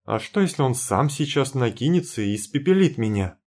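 A man's voice: medium pitch, big pitch swings, brisk, darkish tone. A man reading a dramatic first-person story aloud as an audiobook narrator. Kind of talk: scripted narration.

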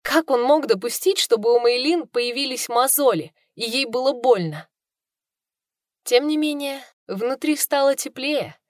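A woman reading a first-person fantasy audiobook in an expressive, emotional way. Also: sits high, measured pace, no echo, clean studio sound. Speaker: audiobook reader.

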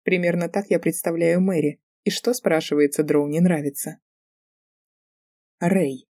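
A woman reading a fantasy audiobook in steady, lively storytelling narration. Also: fairly low pitch, unhurried, slightly rough, no echo, clean studio sound. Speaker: audiobook reader.

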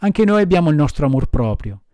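A man's voice: a little high, sing-song, fast, warm tone, no room sound. A man voicing a gang of rowdy schoolboys in a storybook reading, taunting and threatening. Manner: bullying, taunting.

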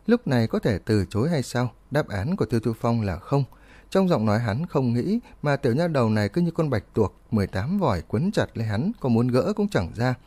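A man narrating a story in an expressive, animated reading style. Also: medium pitch, fairly quick. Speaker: audiobook narrator.

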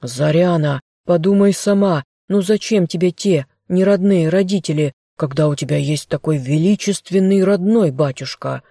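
Female narrator voicing a scheming young man, smirking and coaxing, low and mellow. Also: normal speed, hardly any pauses, dry recording, studio quality. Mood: smug.

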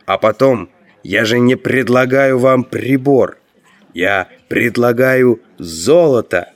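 A man voicing a clever, humble young foreigner who persuades smoothly, read as an audiobook. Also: medium pitch, slow, lightly acted. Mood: persuasive. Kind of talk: audiobook narration.

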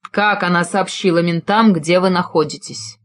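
A woman voicing a calm, authoritative man who speaks in level, unhurried commands in an audiobook. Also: on the low side, lightly acted. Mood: cold command. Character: calm, commanding man used to giving orders. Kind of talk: audiobook character voice.

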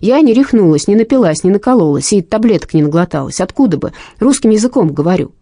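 A woman's voice: mid-range voice, lively intonation, fast, no room sound, studio quality. Woman reading a scared, snappish young detective. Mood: panicked, snapping. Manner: sharp, raised and defensive. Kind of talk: audiobook character reading.

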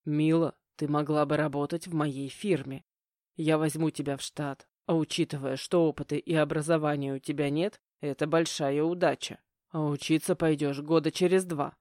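A man's voice: a little high, little pitch movement, normal speed, darkish tone, no room sound, clean studio sound, close to an everyday voice. A woman voicing a stern middle-aged stepfather who lectures curtly. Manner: curt, lecturing.

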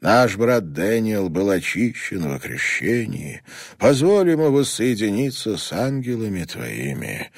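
A man voicing a priest who slowly intones funeral prayers. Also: fairly low pitch, very animated, gravelly, breathy edge, no room sound, studio quality, voice pushed up, full character voice. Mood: intoning. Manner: slow, intoning. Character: solemn priest reading a burial prayer.

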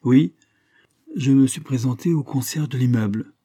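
A man's voice: medium pitch, moderate pace, mellow, breathy edge, no room sound, clean studio sound, pitched above the performer's own voice, lightly acted. A man voicing a dogged male police inspector who gives matter-of-fact, precise reports.

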